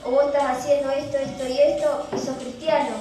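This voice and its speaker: A woman's voice: sits high, level tone, brisk. A woman with a Rioplatense Argentine accent preaching a sermon to a youth group, reading scripture and asking the listeners rhetorical questions in an earnest way. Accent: Rioplatense Spanish. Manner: earnest, rhetorical, reads scripture aloud then explains. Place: church hall. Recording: echoey hall from far off, music behind.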